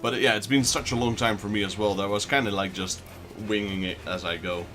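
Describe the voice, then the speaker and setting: Over music, a man with a fairly low, steady voice and a quick pace chats his way through a casual let's play, responding to viewer chat. He is a native Dutch speaker from the Netherlands with a Dutch accent.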